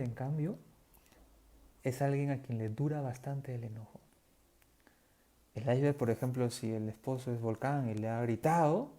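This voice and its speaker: A man delivers a sermon in a lively, storytelling way. His voice is warm and mellow, sitting at a middle pitch. He speaks directly to the congregation and brings his examples to life with little acted scenes. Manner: animated, acts out little scenes, addresses listeners as brethren. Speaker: preacher.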